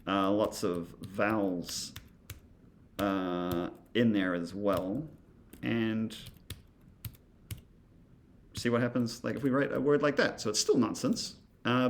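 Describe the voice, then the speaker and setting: Male instructor, low and gravelly, casual demo talk full of fillers. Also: unhurried. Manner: thinking aloud, many fillers and asides. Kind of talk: casual walkthrough of software.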